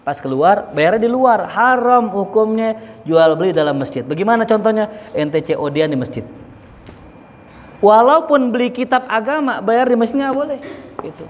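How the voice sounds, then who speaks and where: A man's voice: high-pitched, moderate pace. A man giving a casual, joking lesson as a preacher in a mosque, acting out examples as he talks. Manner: joking, chatty, acts out examples. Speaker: Islamic preacher. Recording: echoey hall with faint ambience.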